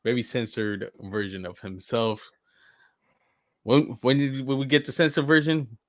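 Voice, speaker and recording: A man's voice: medium pitch, steady tone. Guy on a sports podcast, mid voice, keeps restarting his sentences, loose grammar. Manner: halting, restarts phrases, non-standard grammar. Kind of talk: casual sports talk.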